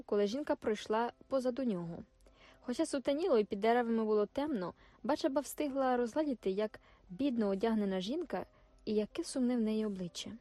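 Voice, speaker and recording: A woman reading a classic novel aloud as audiobook narrator, measured and expressive. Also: fairly high pitch, no room sound.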